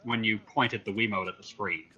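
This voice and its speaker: A man's voice: on the low side, steady tone, normal speed, pushed and bright, husky. A man co-commentating on a game, chatting and teasing dryly. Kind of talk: casual gaming chat. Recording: dull, muffled voice-call mic.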